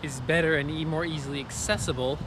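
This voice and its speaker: A man's voice: a little high, fairly even intonation, fast. A young man, a student vlogger, chatting casually in a rambling, tired and loopy way. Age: young adult. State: sleepy, tired. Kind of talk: casual vlog chat. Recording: loud traffic and outdoor ambient noise.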